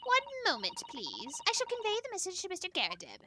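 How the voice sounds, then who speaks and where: A woman's voice: extremely high pitch, wildly swooping pitch, brisk, background noise, pitched above the performer's own voice, heavily acted. A woman voicing a polite, formal housekeeper at a lodging house.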